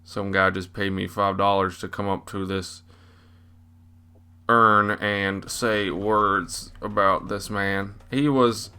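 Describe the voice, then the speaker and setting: A drawling Southern preacher man, as a young man puts him on, stretches every word in a slow, preachy cadence. The voice sits low but rings bright and clean. It has the mock-solemn weight of a funeral sermon. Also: flat delivery, clear, resonant tone, heavily acted. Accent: put-on Southern US. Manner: slow, drawn-out, preachy delivery.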